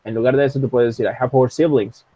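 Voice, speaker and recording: A man teaching English in an online class, explaining calmly and reading English example lines slowly. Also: mid-range voice, no room sound.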